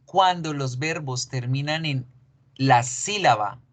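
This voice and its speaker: Slow-spoken man teaching. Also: medium pitch. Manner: slow, drawn-out explanations with repeated examples. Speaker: English teacher. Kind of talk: recorded online grammar lesson.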